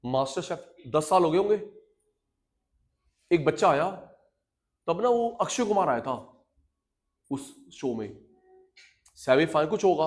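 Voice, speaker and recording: A man teaching a classroom lecture, his voice sitting fairly high for a man. He talks straight to his students in an animated way, drops low and quiet for stories, then rises loud for key points. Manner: animated, addresses students directly, swings from quiet storytelling to loud emphasis.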